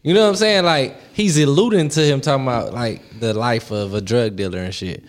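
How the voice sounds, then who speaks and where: A man's voice: mid-range voice, a little fast. A blunt, opinionated man bantering casually in a group and repeating his points.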